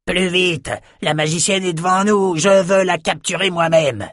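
A man's voice: fairly high pitch, level tone, moderate pace, fairly bright tone, no room sound, clean studio sound, voice pushed up. A man voicing a brutal, bullying male raider captain who bellows orders and insults his crew in an audiobook. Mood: bellowing. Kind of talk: audiobook character voice.

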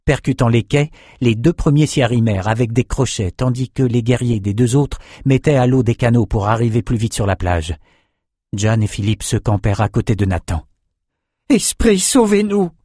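A man narrating a fantasy audiobook with even, measured storytelling. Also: medium pitch, no room sound, clean studio sound.

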